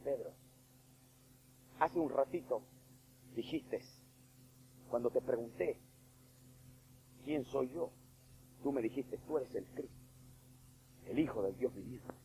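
A solemn, grave Jesus speaks low and hushed in a mellow voice, rebuking a follower, as a preacher acts him out in a sermon. Faint noise lies behind him. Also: male voice, slow, pauses often, rough recording. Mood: grave rebuke. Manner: quiet, grave.

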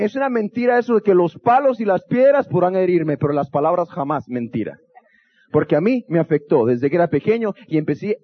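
High-voiced man preaching. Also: lo-fi sound. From Guatemala. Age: adult, married. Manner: storytelling, acting out quotes with humor. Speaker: youth pastor. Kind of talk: motivational talk to an audience.

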